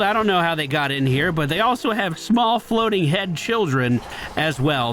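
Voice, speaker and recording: A high-pitched man with a bright, forceful tone gives casual running commentary while playing a video game. He's a gaming video creator, talking to himself with exasperated exclamations and swearing.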